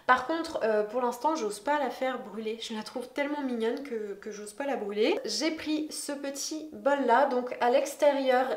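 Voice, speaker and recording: A woman's voice: on the high side, darkish tone. Woman doing a casual decor haul vlog, upbeat and chatty, lots of ums, echoey room. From France. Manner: chatty, enthusiastic, lots of hesitations. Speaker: decor vlogger.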